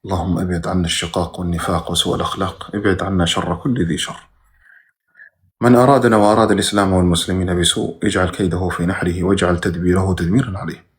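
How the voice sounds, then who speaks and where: A man's voice: deep voice, steady tone, racing. A man who teaches religion, reading viewers' questions aloud during a live stream and giving brief, plain answers with sudden emphatic rises.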